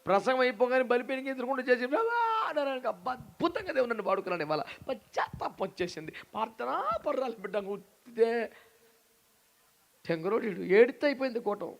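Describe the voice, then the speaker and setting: A man preaching a sermon as a pastor in a lively, teasing way. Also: very high-pitched, fast talker, vocal fry. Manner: animated, teasing, acts out quoted voices.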